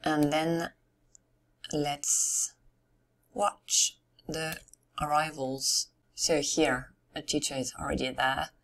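A woman narrates a video game in a low, hoarse voice that is partly giving out. She takes her time, speaking slowly and casually, musing aloud as she plays. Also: flat delivery, a bit bright. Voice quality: somewhat hoarse. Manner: unhurried, musing aloud to herself. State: losing her voice. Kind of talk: casual let's-play commentary.

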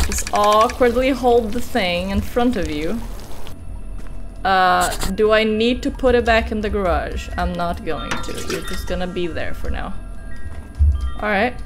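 A woman's voice: mid-range voice, fairly bright tone. A young woman giving casual, nervous and playful commentary as she streams a horror game, reassuring herself and swearing. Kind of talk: casual let's-play commentary. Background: game music.

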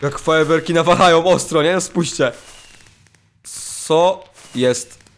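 A man giving excitable let's play commentary, exclaiming and talking to his viewers. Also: a little high, slow. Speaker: gaming channel host. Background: faint game music.

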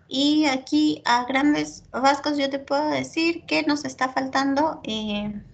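Slow, gravelly woman teacher. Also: high voice, fairly bright tone. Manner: checks in constantly with the student, frequent filler pauses. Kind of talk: giving feedback in an online class.

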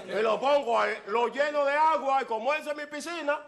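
A man's voice: extremely high pitch, brisk, gravelly, a bit bright. A man doing a boisterous stand-up comedy monologue, full of exaggeration and punchy repeated lines. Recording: live show with audience laughter.

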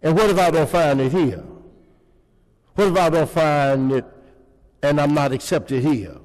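In a large indoor church sanctuary, an older man preaches slowly in a slightly high, darkish voice, drawing the congregation into call-and-response questions. The pulpit-mic recording carries the hall's long reverb.

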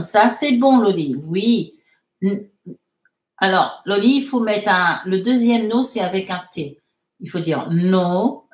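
Slow-talking woman teacher in an echoey room. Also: mid-range voice. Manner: switches between French and slow English, frequent hesitations. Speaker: English teacher. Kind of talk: live online English lesson.

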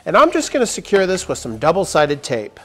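Soft music plays behind a high-pitched, fairly bright male voice that swings hugely in pitch at a brisk clip. The speaker, a woodworking host in his forties, narrates a step-by-step tutorial in a large wood-walled workshop via lapel mic. He's upbeat, with emphatic sentence starts.

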